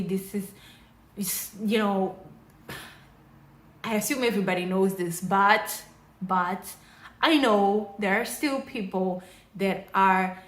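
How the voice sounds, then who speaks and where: A young woman from Mozambique telling a story in a casual storytime vlog, animated and chatty with lots of fillers, recorded on a phone. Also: mid-range voice. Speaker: vlogger. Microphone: phone camera. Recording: roomy, echoey room.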